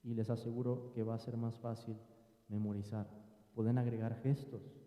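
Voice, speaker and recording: A man's voice: medium pitch, little pitch movement, moderate pace, warm tone, roomy sound, big-room sound. A man giving a sermon as pastor, teaching in an earnest tone and addressing his listeners as brothers. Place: church sanctuary.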